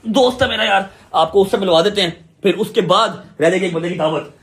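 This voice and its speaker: Male vlogger from Pakistan, upbeat and jokey, slightly raised pitch, echoey indoor sound. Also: brisk. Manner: lively, joking, talks straight to viewers. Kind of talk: casual family vlog chat. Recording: echoey rooms with faint noise.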